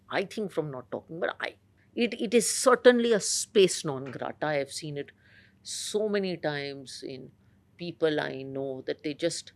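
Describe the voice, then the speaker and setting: Polished Indian-accented woman, slightly low voice. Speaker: interview guest. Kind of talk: conversational interview.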